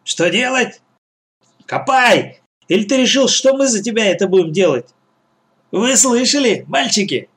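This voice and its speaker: Storybook villainess, a shrill barking old woman boss, read by a man in a raised voice. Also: expressive, moderate pace, few pauses, fairly bright tone. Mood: scornful. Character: harsh bossy old female bandit leader.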